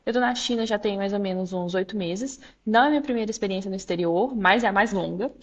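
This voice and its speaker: A candid young woman from Minas Gerais, Brazil, a law graduate student, speaks as a guest in a casual interview with a Minas Gerais Portuguese accent. She talks fast at medium pitch, reflecting and telling stories with frequent "é" fillers and laughter, on a muffled recording.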